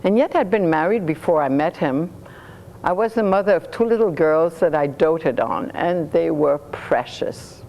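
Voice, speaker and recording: A woman storyteller reading her own stories in rhyming verse, lively and playful. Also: sits low, normal speed, rough recording.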